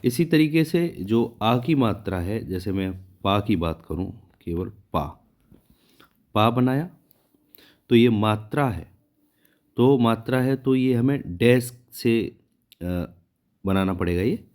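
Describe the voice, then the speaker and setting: A man's voice: mid-range voice, lively intonation, slow, darkish tone. A man teaching shorthand step by step, patiently checking in with his students and counting out each stroke as he draws it. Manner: patient, repeats "ठीक है" to check understanding. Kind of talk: step-by-step tutorial explanation.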